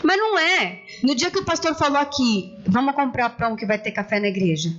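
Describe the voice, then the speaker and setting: A woman pastor preaching a sermon in church, telling personal stories in a conversational, animated way. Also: high voice, a little fast, highs cut off, a little hiss or hum.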